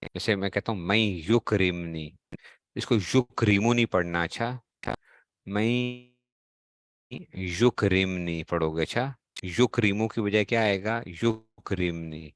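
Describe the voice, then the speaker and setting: Deep-voiced man teaching a class. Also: a little slow, no echo, clean studio sound. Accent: Pakistani Urdu. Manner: explains in a question-and-answer style, quizzing students. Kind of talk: classroom grammar lesson.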